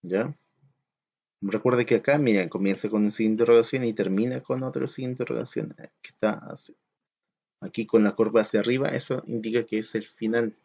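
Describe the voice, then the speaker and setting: A man's voice: on the low side, steady tone, brisk, creaky, dark tone. Patient male teacher, slightly dull audio. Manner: patient, counts aloud and asks questions to the class. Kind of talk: recorded classroom lesson.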